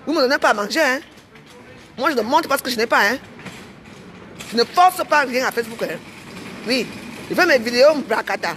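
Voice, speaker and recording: A woman's voice: on the high side, animated, brisk, pauses often, fairly bright tone, slight background noise. A woman with a Cameroonian French accent, a vlogger speaking straight to her audience in a heated, indignant rant, repeating herself and tagging phrases with "hein".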